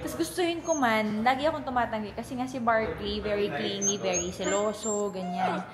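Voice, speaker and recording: A woman's voice: mid-range voice, steady tone, normal speed, a crowd in the background. A young Filipino woman vlogging in casual chat, telling a story with an easy, talkative manner and a Filipino accent. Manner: chatty, mixing Tagalog and English, cooing baby talk to a puppy.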